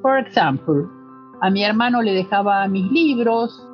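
A woman's voice: medium pitch, animated, moderate pace, soft background music. A woman in her seventies from Argentina with an Argentine Spanish accent, telling a personal story in a reflective way with occasional hesitations. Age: 70s. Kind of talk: personal recollection. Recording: dull lo-fi recording.

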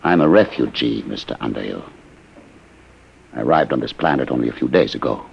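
Very deep, gravelly old inventor. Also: male voice, expressive, fairly quick, heavily acted. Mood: courteous, weary. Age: older. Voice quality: gravelly, husky. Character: courteous, weary old refugee inventor from another planet. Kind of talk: old-time radio science fiction drama acting.

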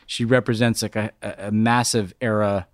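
A man's voice: fairly low pitch, little pitch movement, dry recording. Dry-sounding man hosting a casual podcast. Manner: halting, repeats words as he thinks aloud. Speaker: podcast host. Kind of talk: casual conversation and interviewing.

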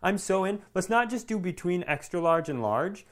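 In a relaxed podcast exchange, this comic co-host spins over-the-top, profane, lively tales. He speaks at a moderate pace, his voice sitting high.

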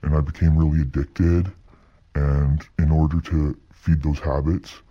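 A man speaks in a disguised voice, electronically dropped to an extremely deep pitch. The sound is husky and muffled, with a dull lo-fi finish. He talks candidly and haltingly, as an anonymous interview guest. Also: little pitch movement, dark tone. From Canada. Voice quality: disguised voice, artificially deepened and muffled. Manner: halting, frequent "you know" and "right?". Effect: pitch-lowered anonymity disguise. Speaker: interview guest, former gang member.

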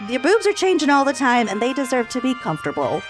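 A woman's voice: high-pitched, sing-song, fast, over music. A woman with an American accent chatting casually as a podcast co-host, playful and candid.

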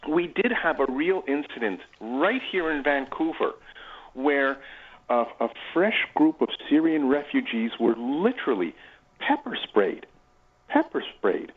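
A male radio panel guest speaks in a measured, formal manner. His voice is slightly high and moves up and down freely. It comes through a tinny phone line. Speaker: guest commentator.

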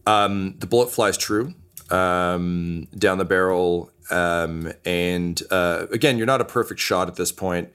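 A man narrating a tabletop game as game master, relaxed and full of fillers. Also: deep voice, slow pace, smooth.

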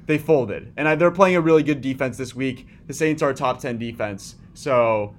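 A man's voice: medium pitch, moderate pace. A man co-hosting a sports podcast, leading the talk in a casual chat with many fillers. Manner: leads the segments, talks with many fillers and restarts. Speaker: podcast co-host.

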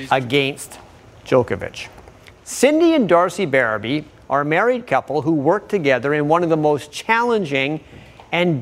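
A man's voice: a little high, a little hiss or hum. A man presenting sports news as an anchor, in an informal, conversational way.

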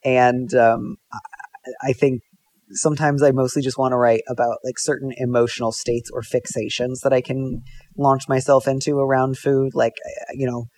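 A man's voice: mid-range voice, level tone, normal speed, a little mellow. A man, an advice columnist and food writer, chatting casually as a podcast guest. He rambles with lots of fillers and laughs often.

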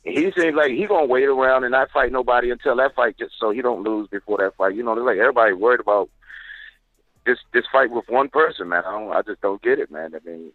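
A man calling in over the phone to a talk show, sharing boxing opinions in a relaxed, repetitive way. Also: mid-range voice, fast, no room sound. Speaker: call-in caller. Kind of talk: casual boxing opinion call. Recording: dry tinny phone line.

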